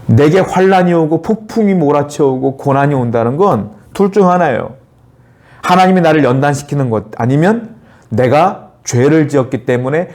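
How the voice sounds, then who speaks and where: A man's voice: a little high, a little mellow. A man preaching a sermon as pastor of his church, asking the congregation questions and acting out the biblical exchanges in plain speech. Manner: preaching with rhetorical questions and acted-out dialogue.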